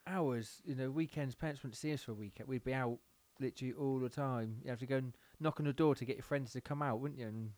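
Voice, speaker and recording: A man's voice: mid-range voice, brisk, few pauses, darkish tone, no room sound. A man in his thirties, easygoing and nostalgic in casual chat among friends.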